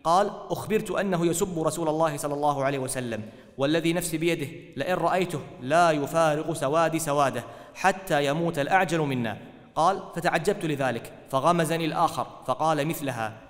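A man reading religious texts aloud in a steady, formal way. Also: on the high side, fast. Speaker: reader of hadith texts. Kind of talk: formal text recitation. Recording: hall with long reverb.

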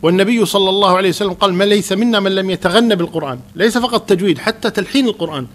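A man, a Quran teacher calmly answering questions in a religious lesson. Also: high-pitched, rapid-fire.

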